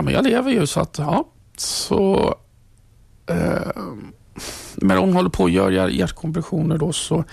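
Middle-aged Swedish man, interviewee; rough, husky voice in a dry room, halting speech, drops to a whisper. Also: on the high side, a little mellow, dry recording. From Sweden. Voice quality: gravelly and husky. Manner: halting, many restarts, drops to a whisper at grave moments. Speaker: interviewee, trained ambulance driver. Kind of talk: personal testimony in an interview.

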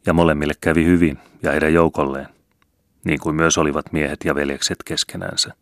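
A man's voice: a bass voice, steady tone, dry recording, studio quality. A man reading as a sanctimonious farmer with a sugary, pious tone. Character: sanctimonious older farmer man, sweet-tongued.

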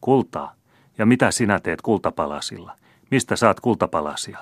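Brief: male reader doing a greedy old miser merchant, contemptuous, raised and louder than his own low voice, dry close sound. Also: expressive, no echo. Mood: scolding. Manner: contemptuous, grasping, rising to loud scolding. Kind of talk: audiobook character reading.

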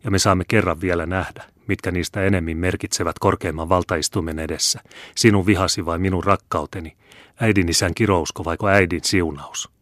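A passionate dying mother, impassioned and pleading, read by a man in his own low voice. Dry, close audiobook sound. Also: steady tone, a bit bright, no echo.

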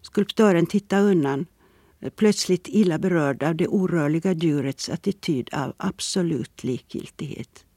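A reader giving calm, measured scripted narration of a literary story. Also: mid-range voice, dry recording. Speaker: audiobook reader.

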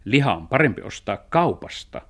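A man voicing an eager, naive male dog in a children's radio story, talking in an excitable, simple-hearted way. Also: on the low side, creaky, breathy edge, full character voice.

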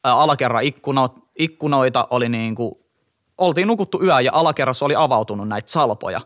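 Nuori mies kertoo podcastissa rennosti tarinaa. Hänen äänensä on keskikorkea, ja sävelkorkeus hyppii eläväisesti ylös ja alas kerronnan mukana. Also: male voice. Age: young adult. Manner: animated, jumps up and down in pitch while telling a story. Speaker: podcast co-host. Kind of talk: casual storytelling chat.

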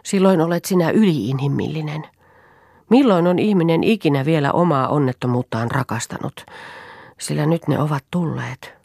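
A woman's voice: low-pitched, creaky, darkish tone, breathy edge, no echo, studio quality, pitched above the performer's own voice, full character voice. A woman reading the lines of a brooding, melancholy young woman in an audiobook, with earnest, sorrowful delivery. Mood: sorrowful, bitter.

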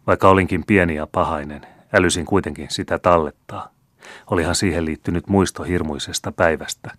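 Man reading as a hushed, sneering vengeful steward. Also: extremely low pitch, no room sound, studio quality. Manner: hushed, sneering false humility. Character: scheming vengeful male steward, mocking and menacing. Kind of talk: audiobook character voice.

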